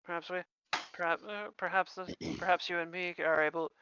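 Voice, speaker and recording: A man playing in a tabletop game, with dry, wry remarks and a lively way of speaking. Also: high-pitched, brisk, muffled recording, background noise. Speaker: player. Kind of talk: tabletop role-play chat.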